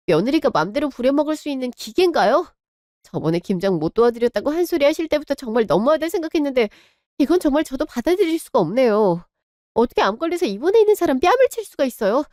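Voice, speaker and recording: A woman's voice: sits high, lively intonation, quick pace, a little mellow, dry recording, studio quality. A woman voicing a young wife with cancer in a radio drama, restrained and reproachful. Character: young wife with cancer, hurt but composed.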